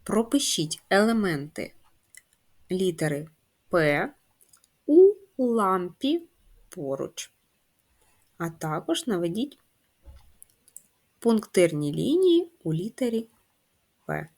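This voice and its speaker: A woman's voice: fairly low pitch, big pitch swings, slow pace, pauses often, darkish tone. A woman teacher giving a first-grade handwriting lesson, patient and instructive, spelling out letters and sounds one by one. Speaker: primary school teacher.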